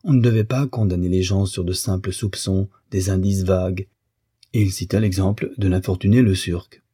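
A man reading a classic novel aloud in a measured, even way. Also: low-pitched, husky, no echo, clean studio sound. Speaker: audiobook narrator. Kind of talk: scripted literary narration.

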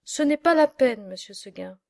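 A woman voicing a restless young female goat who gently but stubbornly insists on leaving. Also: on the high side, expressive, moderate pace, gravelly, dry recording, studio quality.

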